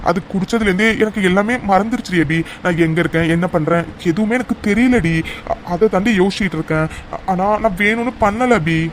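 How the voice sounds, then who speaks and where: A worried, doting young husband from an animated story voiced by a man. He pleads anxiously in a voice pitched rather high for a man. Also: fairly quick, slight background noise, natural voice. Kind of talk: cartoon voice acting.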